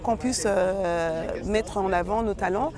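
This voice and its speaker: A woman's voice: mid-range voice, slow. A woman from French Guiana, a media entrepreneur, answering interview questions at a festival with frequent hesitations. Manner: fluent, many fillers. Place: outdoors at a busy festival. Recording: crowd noise outdoors.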